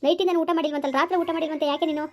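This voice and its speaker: A man, playing a calm grown son who soothes his wife and coaxes his mother in a homemade village family drama. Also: extremely high pitch, very fast. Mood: coaxing. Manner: soothing and reassuring, repeats 'okay?'. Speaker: village skit actor.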